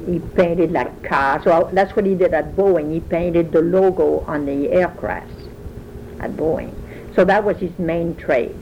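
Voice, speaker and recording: Fairly low-pitched and gravelly, an older French-accented woman from France speaks at a measured pace as she rambles through her life story in an interview, often restarting. The oral history recording has its highs cut off and slight background noise.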